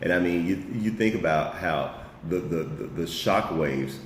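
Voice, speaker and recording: A man's voice: low voice, moderate pace. A man co-hosting a political discussion, speaking heatedly, stumbling over repeated words as he gets worked up and saying y'all. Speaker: co-host. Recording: echoey room, faint noise.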